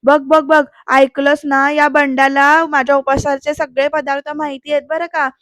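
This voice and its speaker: A complaining elderly mother-in-law from a TV serial, as a woman recapping the show puts her on. She taunts and scolds in a slow, drawn-out way. The voice stays high and dry. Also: steady tone, no room sound, close to an everyday voice. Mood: taunting.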